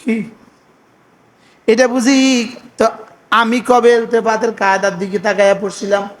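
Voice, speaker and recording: High-pitched guy preaching, keeps throwing questions at the crowd, recites prayers real slow. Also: flat delivery. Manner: quizzes the listeners with repeated questions, recites Arabic prayers slowly. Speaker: Islamic preacher. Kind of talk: sermon.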